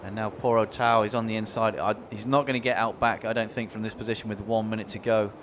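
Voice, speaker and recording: A man's voice: fairly low pitch, fairly even intonation, fast talker, slight background noise. A man giving conversational live surfing analysis in a laid-back, informal way. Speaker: surfing colour commentator.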